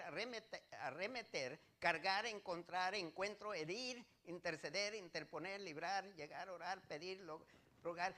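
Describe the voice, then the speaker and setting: High, bright-voiced preaching man. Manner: emphatic preaching with rhetorical questions to the congregation; swings between loud declarations and quiet asides. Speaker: pastor. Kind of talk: sermon.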